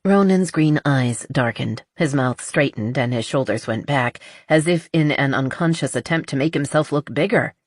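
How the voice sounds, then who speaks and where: A woman narrating an audiobook novel in measured storytelling. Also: rumbling low, no echo, clean studio sound. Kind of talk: scripted narration.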